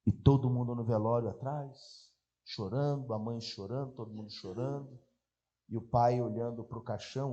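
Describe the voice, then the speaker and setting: A male pastor with a Brazilian accent, telling a story in a sermon and swinging between hushed passages and shouting. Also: medium pitch, dull audio. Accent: Brazilian Portuguese.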